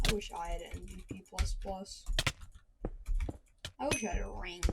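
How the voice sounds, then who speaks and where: This woman's voice is medium-pitched, steady and gravelly, moving at normal speed as she chats casually during a game. She rambles through a story, breaking off to react to the gameplay, over heavy background noise and keyboard and mouse clicks from her desk microphone.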